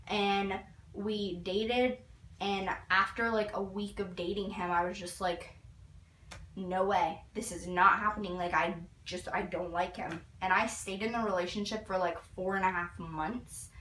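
A teenage girl vlogger eagerly gushes through a casual album review in her bedroom, saying "like" in nearly every sentence. Her bright, forward voice is medium-pitched, steady, and measured. She sits a few feet back from a fixed camera, so the sound is roomy and slightly distant, with slight background noise.

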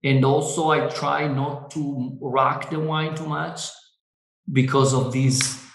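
Italian-native winemaker, halting English, roomy call audio, mid-range pitch. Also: male voice, steady tone, gravelly. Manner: halting, many fillers and restarts. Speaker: winery owner. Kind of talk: Zoom wine tasting interview. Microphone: video call.

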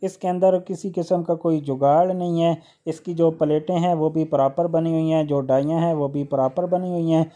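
A man hosting a how-to video, explaining a workshop machine step by step with occasional hesitant "uh" pauses. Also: on the high side, steady tone, mellow. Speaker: electrician channel host.

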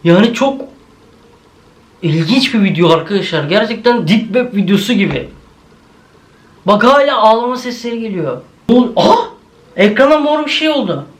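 High-voiced excitable man reacting. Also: normal speed, pauses often, rough recording. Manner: excitable, jumpy, swears often, addresses viewers directly. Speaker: YouTuber. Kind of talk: horror video reaction commentary.

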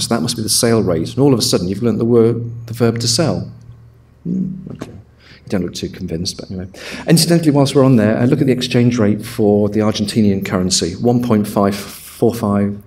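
A middle-aged man gives a humorous, chatty presentation to an audience at a travel show, acting out quick voices as he goes. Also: on the low side, a little mellow. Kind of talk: live presentation talk with slides. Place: talk in a room with an audience.

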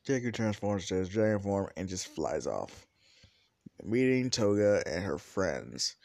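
A man's voice: sits low, very animated, measured pace, gravelly, a little mellow. A man improvising a fan-fiction story aloud, rambling with many restarts and fillers.

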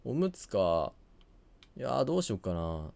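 Hoarse man in quiet game commentary. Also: sing-song, moderate pace. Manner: low-key, chatty, muttering to himself. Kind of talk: quiet let's-play commentary.

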